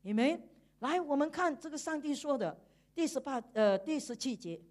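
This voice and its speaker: A woman preaching a sermon in church, animated, with frequent laughter and emphatic sentence endings. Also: high-pitched, moderate pace.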